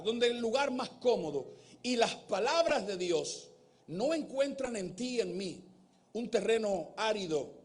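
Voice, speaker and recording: A man with a high voice preaches a sermon from the pulpit of a church. He builds to loud, emphatic peaks, then drops into soft, low asides. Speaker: pastor.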